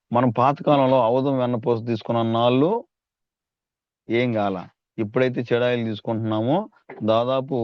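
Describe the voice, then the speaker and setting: A man's voice: medium pitch, dry recording, muffled recording. A man giving a persuasive sales training talk, calling on his listeners and asking rhetorical questions. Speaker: network marketing trainer.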